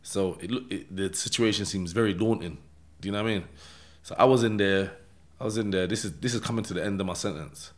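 A low-voiced man from London, England talks fast as a podcast guest, casually telling his life story in the first person. He uses streetwise slang and often checks in with short tags like "yeah?".

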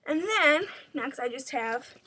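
A woman's voice: high-pitched, lively intonation, slow, heavy background noise. A teenage girl chatting casually in a home video, rambling with lots of fillers, a little out of breath. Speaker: vlogger. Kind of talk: casual vlog showing her dance bag.

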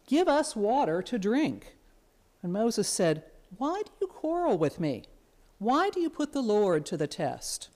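A woman serving as lector, giving a formal scripture reading in a church in a measured, even way. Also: medium pitch.

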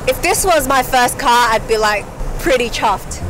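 A woman's voice: a little high, animated, unhurried, low-quality recording. A woman in her thirties chatting in an upbeat way while riding in an open-top car, recorded by a camera in the car. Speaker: vlog co-host. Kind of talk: casual chat. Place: open-top car outdoors on city streets. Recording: traffic and wind noise.

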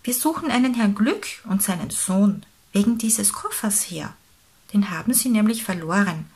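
Woman voicing a storybook beaver, honest, kind, gentle, earnest, slightly raised pitch. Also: animated, moderate pace, husky.

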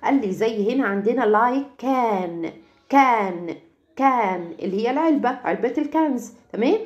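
An Egyptian woman teaching English words to kindergarten children. She drills each word slowly and repeats it, and she keeps checking in with the class. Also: on the high side, expressive, darkish tone, highs cut off, faint music behind. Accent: Egyptian Arabic. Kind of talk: recorded online lesson.

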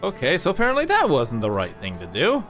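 A man's voice: fairly high pitch, wildly swooping pitch, fast, fairly bright tone, faint music behind. A man casually commenting while playing a video game, chatty and amused. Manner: chatty, amused, reacts aloud. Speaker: gaming let's-play host.

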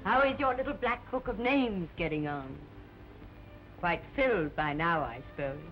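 An actress playing a gentle, earnest young woman in wartime, speaking softly and earnestly in early talkie film sound. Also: on the low side, lively intonation, moderate pace, slight background noise. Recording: dull 1930 film soundtrack, faint music.

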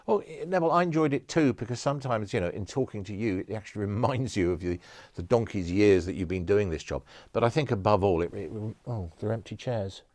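This middle-aged event producer talks fairly quickly with few pauses, his fairly low voice slightly mellow and free of room sound. Sitting in a studio with vacant audience chairs, he rambles enthusiastically through anecdotes and keeps restarting his sentences.

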